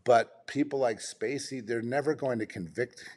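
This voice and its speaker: A man's voice: medium pitch, moderate pace, darkish tone. A man giving off-the-cuff commentary, rambling and exasperated, full of restarts and rhetorical questions.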